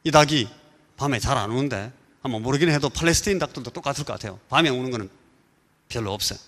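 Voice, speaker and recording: A Korean man preaching as pastor, telling an animated story and mimicking rooster crows and voices. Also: mid-range voice, quick pace. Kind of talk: sermon. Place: church sanctuary. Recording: church hall reverb.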